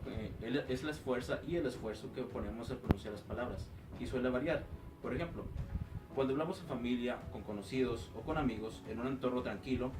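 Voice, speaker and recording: A man's voice: mid-range voice, far from the mic. A man presenting a class topic, explaining step by step with fillers and restarts. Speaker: student presenter. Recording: echoey room, mic from afar, music behind.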